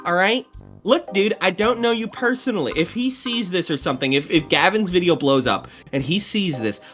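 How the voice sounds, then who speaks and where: A woman streamer giving casual reaction commentary, animated, swearing freely and laughing often. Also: mid-range voice.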